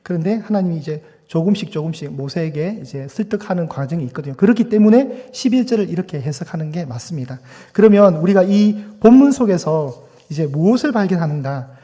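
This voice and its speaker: A man's voice: on the high side, animated, brisk, mellow, in a large hall. A man preaching a Sunday sermon as pastor, talking with the congregation and asking them questions. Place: church sanctuary.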